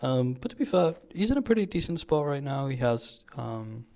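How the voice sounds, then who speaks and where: Mellow and sing-song at a medium pitch, this man speaks at normal speed while narrating his own card match. His voice-over is casual and informal, explaining moves in slang.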